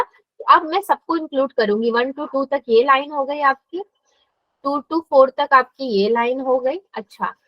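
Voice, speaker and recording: A woman's voice: sits high, fairly bright tone, no room sound, rough recording. A woman math teacher giving a live classroom lesson, explaining step by step and asking her students questions.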